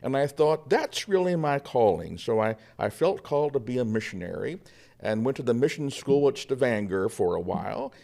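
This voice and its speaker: A man portraying a humble old-time Norwegian pioneer preacher, chatting in a folksy, storytelling way. The voice has a gravelly edge and swings lively up and down in pitch. It sounds like a podcast guest in character. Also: moderate pace. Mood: warm storytelling. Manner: folksy storytelling with frequent uh fillers and chuckles. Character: 1800s Norwegian immigrant pioneer pastor, humble and cheerful. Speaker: guest, historical reenactor. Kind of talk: first-person historical character portrayal.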